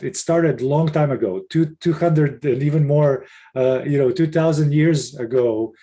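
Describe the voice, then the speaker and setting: A man's voice: medium pitch, dark tone. A middle-aged man from Serbia, speaking as a professor and panelist on a video-call webinar, earnest and often restarting his sentences. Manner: earnest, with frequent restarts and fillers. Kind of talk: casual webinar talk.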